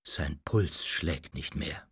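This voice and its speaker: Ein feierlicher Medikus aus alter Zeit, von einem Mann gesprochen, förmlich und ernst in der Rede, in einem Hörbuch. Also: male voice, very deep voice, slow, fairly bright tone, slightly rough, no echo, studio quality, pitched below the performer's own voice, heavily acted. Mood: grave. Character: old-fashioned male doctor, solemn.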